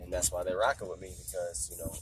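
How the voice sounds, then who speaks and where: A man with a smoker's rasp hosting a casual solo podcast in an informal, rambling, slangy way, with music behind him. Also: low voice, fairly even intonation, quick pace, background noise. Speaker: podcast host. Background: music playing in the background.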